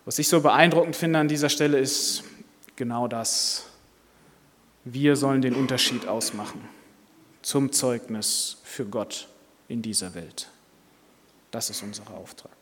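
A male preacher delivers an earnest, storytelling sermon at a middling pitch. His voice carries a long reverb from a large church hall. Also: measured pace, pauses often, fairly bright tone, slight background noise. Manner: narrative, earnest.

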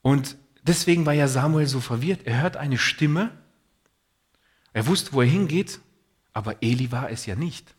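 A man's voice: mid-range voice, expressive, moderate pace, husky. A man preaching a sermon in an earnest, personal way, telling stories and reading Bible passages.

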